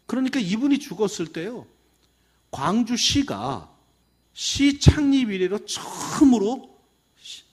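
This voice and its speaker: A man's voice: sits high, slightly rough. A middle-aged male pastor giving a lecture to church teachers, acting out the voices of children and teachers as he tells stories. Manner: animated, acting out quoted voices of kids and teachers.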